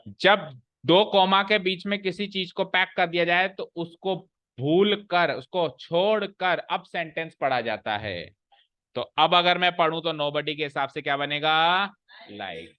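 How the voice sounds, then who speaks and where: A man's voice: a little high, lively intonation, measured pace, clear, resonant tone, no room sound, muffled recording. A man teaching English grammar to a class, repeating his points and quizzing the students as he goes. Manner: explains by repeating and asking the class questions. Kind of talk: classroom lecture.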